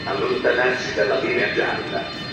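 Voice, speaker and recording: A man gives train station announcements through a public address loudspeaker, heard from far off across the platform. His delivery is formal and measured, with a lively rise and fall in pitch. The sound is heavily echoed, and loud train and station noise sits behind him.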